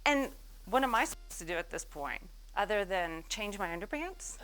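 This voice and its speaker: Background noise sits under an American woman in her forties as she gives a business talk on an event stage to an audience. She speaks at a normal speed and a moderate, middle pitch, acting out the people she quotes with big swings in pitch and volume while her self-mocking humor keeps things lively.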